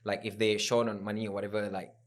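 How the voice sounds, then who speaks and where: A man's voice: on the low side, little pitch movement, fast. A man hosting a podcast, talking in a loose, laid-back way full of fillers like bro and man. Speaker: podcast host. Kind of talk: casual interview chat.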